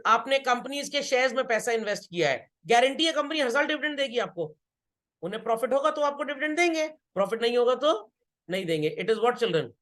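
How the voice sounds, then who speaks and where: A man's voice: very high voice, expressive, brisk, fairly bright tone. A man teaching an accountancy lesson, who keeps asking his students whether they have understood and repeats his key points. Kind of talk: classroom lecture.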